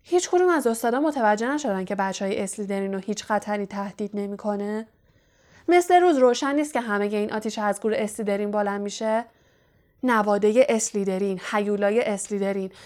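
A woman voicing an agitated teenage schoolboy who talks fast and heatedly in an audiobook. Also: mid-range voice, a little mellow, natural voice. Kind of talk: audiobook character reading.

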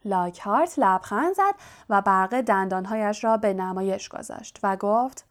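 A woman narrating a fantasy novel as an audiobook in an even, steady storytelling manner. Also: medium pitch.

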